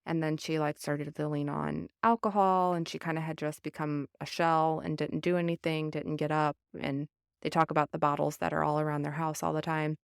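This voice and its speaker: A woman's voice: low-pitched, level tone, moderate pace, creaky, clear, resonant tone, no room sound, studio quality. A young woman with a Southern American accent talking earnestly and reflectively about a book, with many fillers. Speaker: book club podcast host. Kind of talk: casual book discussion.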